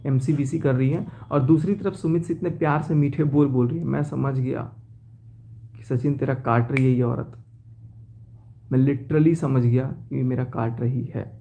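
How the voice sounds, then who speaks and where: A man's voice: medium pitch, fairly even intonation, moderate pace, gravelly, mellow, slight background noise. A young man talking to his viewers from his car, agitated as he recounts a betrayal in a personal vlog. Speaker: vlogger.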